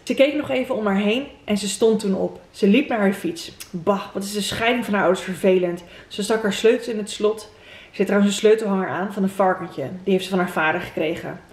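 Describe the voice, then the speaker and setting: A woman's voice: medium pitch, brisk, darkish tone, echoey room. A Dutch woman vlogger reading an old story aloud at home, with chatty, giggly asides. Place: room at home.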